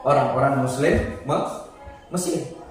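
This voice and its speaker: Man teaching slowly in an echoey room. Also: medium pitch, faint music behind. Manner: slow and explanatory, repeats terms and restarts words. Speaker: teacher of Arabic grammar. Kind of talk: casual grammar lesson. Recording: echoey room, voice far from the mic.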